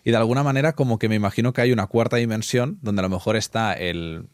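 Man, casual, slangy, low voice, dry sound. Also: quick pace, no echo. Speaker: podcast host. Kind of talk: casual podcast chat.

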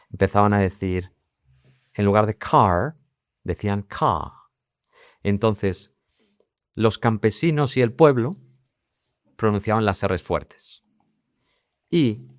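A man's voice: fairly low pitch, dry recording, clean studio sound. A man with a Spain Spanish accent teaching English pronunciation in a casual explanatory way, demonstrating words as he goes.

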